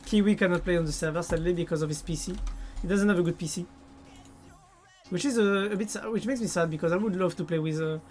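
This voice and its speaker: A woman's voice: fairly low pitch, fast talker, a little mellow, soft background music. A woman with a French accent chatting casually with viewers while playing a game on a live stream. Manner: chatty, answers viewers' chat.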